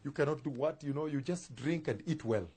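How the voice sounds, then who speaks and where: A man preaching a sermon to a live congregation, with laughing asides and loud emphatic peaks. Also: on the high side, brisk.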